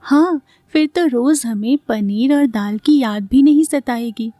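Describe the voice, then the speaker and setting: A woman's voice: on the high side, unhurried, dark tone, dry recording, faint music behind, lightly acted. A woman voicing a dramatic, scheming mother-in-law who talks theatrically and often sounds exasperated.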